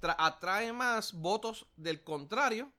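A man's voice: sits high, expressive, slow, bright, forceful tone. A man with a Puerto Rican accent co-hosting a casual political chat, slangy and rambling with many restarts. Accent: Puerto Rican Spanish. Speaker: podcast co-host.

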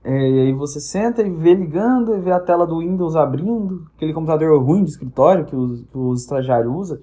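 A man's voice: a little high, brisk, mellow. A young man from Brazil hosting a podcast, telling a casual comic story with crude, profane humor and acting out the voices of the people in it. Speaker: podcast host.

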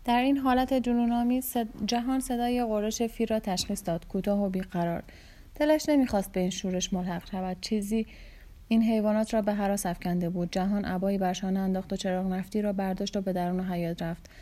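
Female audiobook reader with a warm, mellow voice and steady pacing for literary fiction. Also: medium pitch. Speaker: audiobook narrator. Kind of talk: reading a novel aloud.

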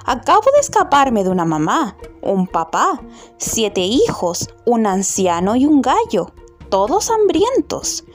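A feisty runaway pancake, voiced by a woman reading a storybook, yelps her refusals high and bright. Her voice leaps around as she rattles off everyone who has tried to eat her. A little music plays faintly behind. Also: wildly swooping pitch, slow pace, full character voice. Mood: indignant. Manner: high-pitched exclamations, insistent listing.

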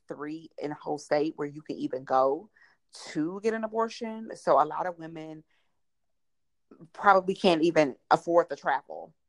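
Low-voiced, frank woman podcast host. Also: dry recording. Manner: frank, colloquial, emphatic. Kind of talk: casual podcast discussion.

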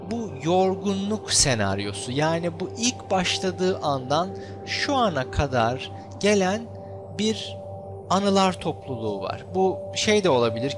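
A man speaking as a guided meditation instructor, explaining self-help ideas conversationally and addressing the listener directly with instructions. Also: a little high. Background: background music.

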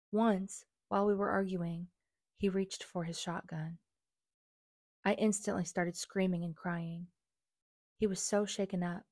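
A woman's voice: lowish voice, darkish tone, dry recording, clean studio sound. A young adult woman reading her personal memoir aloud in an earnest, confessional way. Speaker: memoir narrator.

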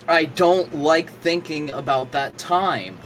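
A man's voice: fairly high pitch, takes it slowly, fairly bright tone, a little hiss or hum. A young man co-hosting a podcast, blunt and mocking in casual banter. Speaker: podcast co-host.

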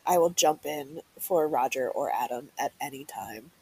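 A woman's voice: a bass voice, slightly rough, no room sound, low-quality recording. A woman joining a podcast as a guest from home, chatting casually and emphatically and laughing easily. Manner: expressive and emphatic, quick to laugh. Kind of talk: casual chat.

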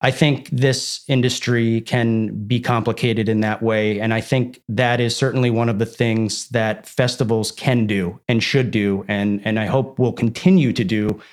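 A man hosting an interview podcast, delivering a polished scripted introduction, then moving into relaxed, joking questions. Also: medium pitch, unhurried, hardly any pauses. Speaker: podcast host.

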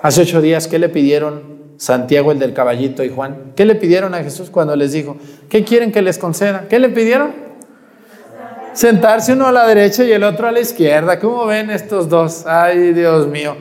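A man's voice: a little high, normal speed, darkish tone, in a large hall. A man preaching a sermon, asking the congregation questions and answering them himself.

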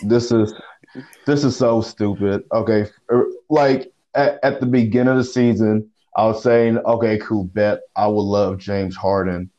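A man co-hosting a sports podcast over a phone line, talking casually with halting restarts and slang. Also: on the low side, fairly even intonation, warm tone. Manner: halting, repeats words, slangy. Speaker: podcast co-host.

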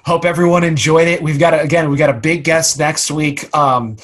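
Wry male podcast co-host, higher voice. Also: steady tone, fairly quick, a bit bright. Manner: wry, joking. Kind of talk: casual chat and show outro.

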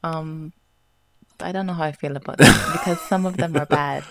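A woman's voice: sits low, fairly even intonation, normal speed, creaky, a crowd in the background. A woman co-hosting a podcast, telling a story in a dry, mock-formal, gloomy-humored way. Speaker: podcast co-host. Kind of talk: casual chat, storytelling.

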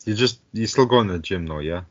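A man with a smooth, monotone voice, co-hosting a casual podcast chat over an online call, laid-back and often chuckling. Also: low-pitched, quick pace, no room sound, lo-fi sound. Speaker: podcast co-host. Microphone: online call mic.

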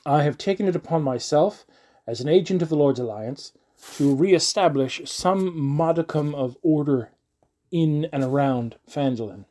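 A man voicing a steady male agent who speaks in a brisk, reassuring way. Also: fairly high pitch, natural voice.

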